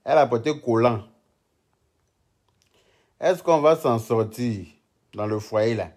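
Male streamer, mid-pitched, teasing, casual running commentary. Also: slow pace, darkish tone. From Ivory Coast. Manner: mocking, teasing and chatty, often breaking into laughter. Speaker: live streamer.

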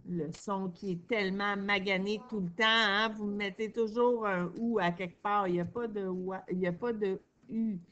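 A woman with a Québécois accent teaching a reading lesson to children, sounding out words slowly and praising answers. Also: medium pitch, steady tone, a bit bright, dull audio. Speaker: primary school teacher.

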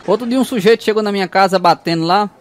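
A man's voice: high-pitched, quick pace. A man telling mother-in-law jokes, chuckling through his punchlines and acting out the voices. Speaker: stand-up comedian.

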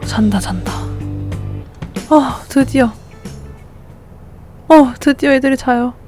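A woman's voice: high-pitched, slow pace, mellow, faint music behind. A woman streamer giving casual commentary on a life-simulation game, fussing and exclaiming as she coaxes the babies to sleep. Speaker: gameplay streamer.

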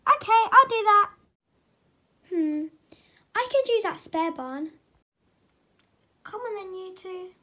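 Excitable horse girl played by a girl, high voice, chatty, gets squealy. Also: slow, pauses often, full character voice. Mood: eager. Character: eager young horse-owning rider girl. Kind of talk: toy horse movie voice-over.

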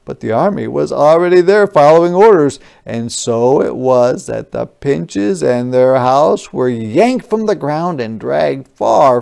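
A male teacher doing an expressive read-aloud for young children, pausing to ask questions. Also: mid-range voice, vocal fry, clear, resonant tone.

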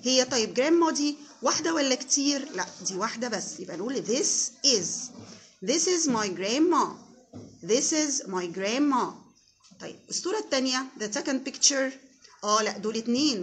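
A young woman teacher with an Egyptian Arabic accent leads a children's English lesson, saying each word slowly and repeating it. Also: a little high, expressive, slight background noise. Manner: slow, deliberate English drills with repeated words, quick Arabic explanations. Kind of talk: classroom lesson with call-and-repeat drills.

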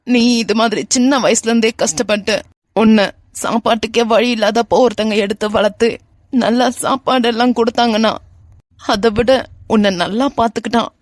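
A woman's voice: fairly high pitch, dry recording, studio quality, natural voice. A woman voicing a tearful pleading young man. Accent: Kanyakumari Tamil. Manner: pleading, apologetic, slow and teary. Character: tearful, guilt-ridden young man, pleading with his friend. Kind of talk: animated web cartoon voice acting.

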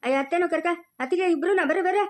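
In a family skit, a woman plays a stubborn young village man, speaking rural Chikkaballapur Kannada in an insistent, scolding way. Her voice is extremely high and rapid-fire.

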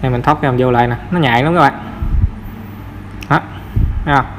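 A man's voice: medium pitch, a little fast, slight background noise. A man giving a casual step-by-step phone tutorial, chatty and full of fillers, speaking straight to his viewers. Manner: chatty, repeats filler words, addresses viewers often. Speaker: tutorial host. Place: in front of an ATM for part.

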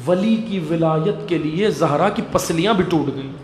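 A male cleric with a Pakistani Urdu accent delivers an impassioned sermon that rises to shouted grief. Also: a little high, a little slow. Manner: impassioned oratory rising to shouted grief in the narrated scenes. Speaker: Shia cleric giving a majlis sermon. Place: large mourning hall. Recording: echoey hall with long reverb.

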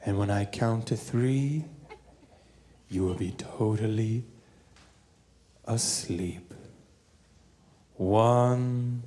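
Slow, dreamy stage hypnotist, played by a man. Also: medium pitch, dark tone, a little hiss or hum. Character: blue-faced theatrical stage hypnotist, commanding and mysterious. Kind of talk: hidden-camera prank stage act. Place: comedy club stage. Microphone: handheld microphone.

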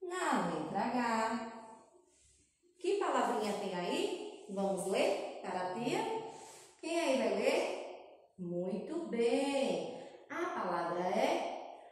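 A Brazilian woman teaching young children, who speaks in a slow, sing-song way and stretches and repeats her words. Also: fairly high pitch, big pitch swings. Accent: Brazilian Portuguese. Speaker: primary school teacher. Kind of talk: recorded lesson for young children. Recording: echoey room, far from mic, faint noise.

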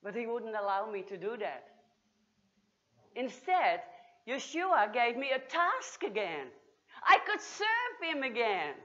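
A woman performing a dramatic first-person monologue as Mary Magdalene, moving between hushed and exultant, recorded in a church. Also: a little high, sing-song, slow pace, highs cut off. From Australia. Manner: theatrical, swings from hushed to exultant. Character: Mary Magdalene, grieving then joyful woman.

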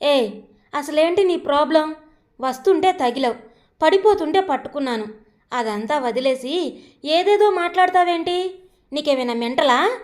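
A woman's voice: high-pitched, animated, normal speed, long pauses. A woman doing a curt, irritated young man. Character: proud young man, quick to anger.

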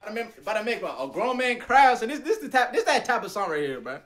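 A man's voice: high voice, fast talker. A young man reacting on a video call in casual, rowdy, slangy chat with plenty of swearing. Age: young adult. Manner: animated, profane, slangy. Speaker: guest reactor to amateur rap songs. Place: indoor room, video call.

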